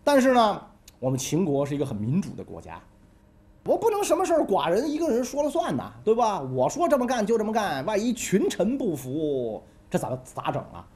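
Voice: medium pitch, huge pitch swings, a little fast, a little mellow. A storyteller voicing a folksy, pragmatic male ancient ruler who muses in colloquial speech. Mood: deliberating. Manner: colloquial, musing, rhetorical "right?".

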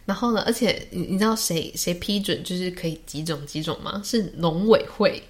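Lively Taiwanese woman telling a family story. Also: on the low side, moderate pace. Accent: Taiwanese Mandarin. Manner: lively storyteller who acts out family members' voices. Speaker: podcast co-host. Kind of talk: casual chat.

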